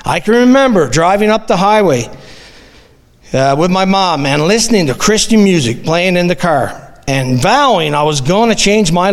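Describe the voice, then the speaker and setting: A middle-aged man from Newfoundland, Canada, reads his personal testimony aloud as a guest at a church. His voice is high for a man, his reading is plain and earnest with occasional stumbles, and a long reverb trails through the hall.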